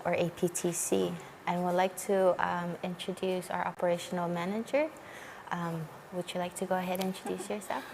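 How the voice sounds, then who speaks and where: A woman hosts a morning show interview with halting, hesitant questions. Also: on the low side, a little mellow. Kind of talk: interview hosting. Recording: noisy room with clear background ambience.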